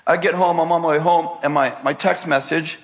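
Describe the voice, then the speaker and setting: A man's voice: fairly high pitch, steady tone, brisk. An older man preaching, telling a story with laughter and acted-out quotes. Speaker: pastor. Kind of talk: sermon storytelling.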